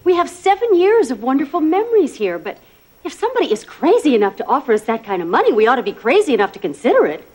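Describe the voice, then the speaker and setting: A woman's voice: high-pitched, sing-song, fast, darkish tone. A woman playing a sensible innkeeper's wife who talks in an earnest, reasonable way.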